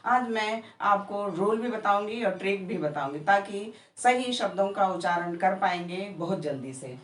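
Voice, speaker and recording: A woman teaching pronunciation in a slow lesson, explaining rules step by step and repeating example words one at a time. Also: mid-range voice, expressive. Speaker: English teacher. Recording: echoey room, from a distance, faint background noise.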